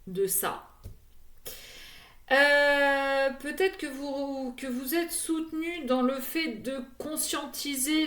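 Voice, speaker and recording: Slow, hesitant woman card reader. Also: sits high, roomy sound. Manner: hesitant, full of "euh" fillers and restarts. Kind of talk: casual card reading addressed to viewers.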